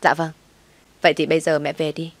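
A woman voicing a wronged wife who speaks with cold, firm calm, in a low voice. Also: fairly quick, close to an everyday voice.

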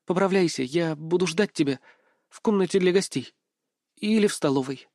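A man voicing a caring, shy young woman softly and tenderly in a dry audiobook recording. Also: high voice, normal speed, no room sound.

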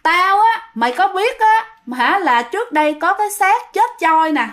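A woman's voice: very high-pitched, very animated, normal speed, fairly bright tone, voice pushed up, exaggerated voice. A woman voicing the ghost of a drowned woman who has possessed a young man and insistently demands things. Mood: shrill, demanding.

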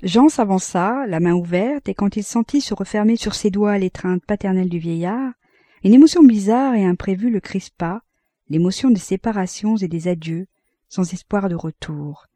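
A woman narrating an audiobook of a classic novel in a calm, measured way, close to the mic. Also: medium pitch, no echo. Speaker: audiobook reader.

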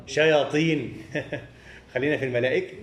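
A man's voice: fairly high pitch, a bit bright, reverberant, a little hiss or hum. A man with an Egyptian accent teaching a hadith studies class, leaving sentences open so his students can finish them. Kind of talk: classroom lecture with call-and-response.

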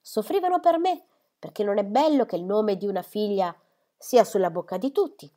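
A woman's voice: mid-range voice, animated, normal speed, dark tone, voice pushed up, close to an everyday voice. A woman reading a novel aloud, voicing a fretful, self-pitying middle-aged mother who scolds her daughter. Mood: reproachful. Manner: complaining, reproachful.

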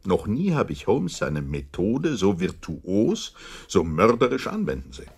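Shaken doctor sidekick in radio drama, deep husky voice, conversational, kinda indignant. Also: male voice, huge pitch swings, unhurried, full character voice. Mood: awed, troubled. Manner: troubled, reflective, conversational. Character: loyal male doctor friend, shaken and indignant. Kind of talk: German radio drama acting.

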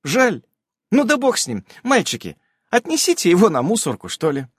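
Guy doing a fussy old auntie voice, high, sing-song, pushing food on everyone. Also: wildly swooping pitch, moderate pace, breathy edge, no room sound, studio quality, full character voice. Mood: fussing. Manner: doting, chatty, coaxing. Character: fussy hospitable elderly aunt.

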